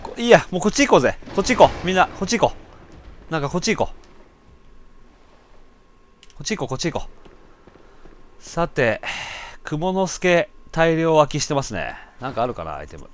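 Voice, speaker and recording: Excitable man yelling through a game. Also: on the high side, brisk, long pauses, slight background noise. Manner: excitable, yells and stammers in panic, rough casual speech. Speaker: gameplay commentator. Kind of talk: casual let's-play commentary.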